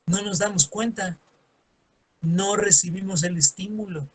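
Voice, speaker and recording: A man's voice: sits high, a little slow, husky. A man teaching a lesson, acting out everyday scenes in quoted voices and adding sarcastic asides. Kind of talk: classroom lecture.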